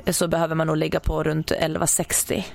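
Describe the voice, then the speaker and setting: A young woman, a sprinter, chatting casually and telling stories in an animated way, acting out her own reactions. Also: sits low, gravelly. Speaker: podcast guest, sprinter. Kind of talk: casual chat.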